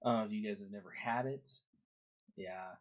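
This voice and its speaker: A young man narrating as game master of a tabletop game, relaxed and rambling, with many fillers. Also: lowish voice, normal speed, dull audio, a crowd in the background.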